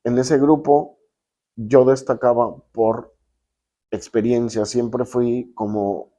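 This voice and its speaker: A man's voice: medium pitch, slow pace. A Mexican man in his fifties telling a personal story casually, acting out the voices of people he quotes in slangy, salty speech. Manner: lively, acts out quoted voices, slangy and profane.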